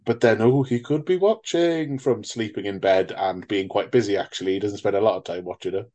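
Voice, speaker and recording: A man's voice: lowish voice, brisk, darkish tone. A British man riffs through a casual podcast review of a film. He jokes, swears freely and acts out lines from the film with a laugh. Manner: jokey, swears, laughs often, acts out quotes. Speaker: podcast co-host.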